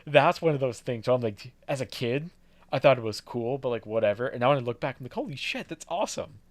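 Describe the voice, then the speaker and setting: A man's voice: mid-range voice, quick pace, no echo. A young man co-hosting a podcast, chatting casually, rambling, swearing and laughing often. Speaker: podcast co-host. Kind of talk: casual chat.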